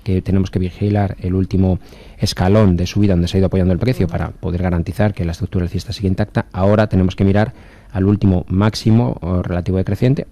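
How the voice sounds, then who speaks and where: A man's voice: low-pitched, mellow, dry recording. A man working as a market analyst on a radio call-in show, explaining stock charts at length with frequent hesitations. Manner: measured technical explanation with many fillers.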